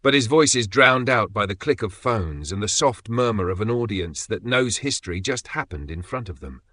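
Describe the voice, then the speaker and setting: A man narrating a dramatic story in a steady, measured way with pauses for effect. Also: on the low side, no echo.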